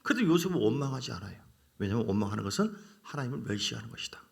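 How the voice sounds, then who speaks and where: A pastor delivers a Wednesday evening sermon at very fast speed, his voice carrying a gravelly edge. His pitch swings widely as he questions the congregation and imitates the voices he quotes, all with animated pulpit energy.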